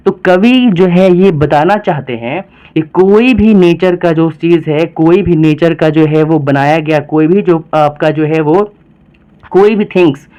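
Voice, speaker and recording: A man with a somewhat higher-pitched voice teaches a poem to students. He talks in with many filler phrases. He slows down to stretch out and repeat the key terms. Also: warm tone, clean tone, highs cut off. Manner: heavy use of filler phrases, slow emphatic repetition of key terms.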